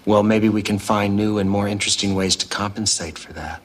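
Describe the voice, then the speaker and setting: A man's voice: fairly low pitch, steady tone, fairly quick, lightly acted. An actor playing a playful man with dry, teasing humor, in sitcom acting. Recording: noisy background.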